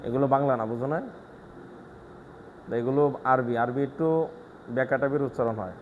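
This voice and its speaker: A man giving a one-on-one lesson in Quran recitation, explaining pronunciation quickly and patiently, then reciting slowly. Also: mid-range voice, phone-quality sound, a little hiss or hum.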